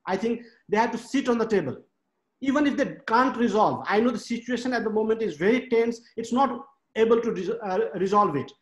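A man in his thirties from Nepal speaks as a panelist on a webinar, frank and emphatic, counting off his points one by one. His voice sits high. He talks into a laptop webcam in a home study, and the room adds a noticeable echo. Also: brisk. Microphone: laptop webcam on a video call. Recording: echoey room on a video call.

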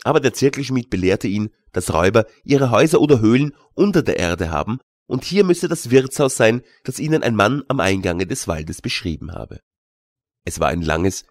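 A man narrating a classic audiobook tale in a measured storytelling manner, recorded in a studio. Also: on the low side, no room sound. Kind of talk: scripted narration.

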